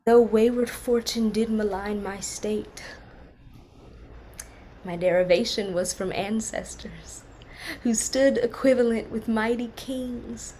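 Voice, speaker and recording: A woman's voice: fairly high pitch, slow pace, mellow, a little hiss or hum. An actress playing a young orphaned noblewoman, sorrowful and dignified, speaking classical verse in an earnest, formal way. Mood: quiet sorrow. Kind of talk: classical verse stage acting.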